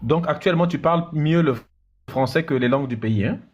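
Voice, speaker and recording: A man's voice: fairly high pitch, fairly quick, muffled recording. A man hosting a live interview, asking probing, stammering questions. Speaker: host.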